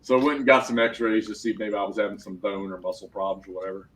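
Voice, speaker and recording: A man in his fifties, part of a tabletop gaming group, chats casually with friends, telling long stories and laughing at his own jokes. He talks fast in a low-leaning, fairly bright voice with a level tone.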